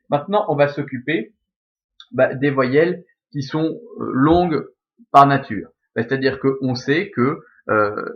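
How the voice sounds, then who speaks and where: A man's voice: medium pitch, gravelly. A man with a Belgian French accent teaching a recorded Latin lesson, explaining step by step with many fillers and self-corrections. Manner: patient, methodical, with frequent fillers and self-corrections. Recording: slightly dull lo-fi sound.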